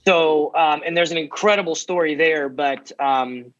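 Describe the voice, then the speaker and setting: A man in his forties from the United States tells his own story as a podcast guest. His voice sits a little high and he moves through it with eager energy and quick asides. The audio is slightly dull and lo-fi. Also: fairly bright tone. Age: 40s. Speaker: guest, ministry founder. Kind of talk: podcast interview.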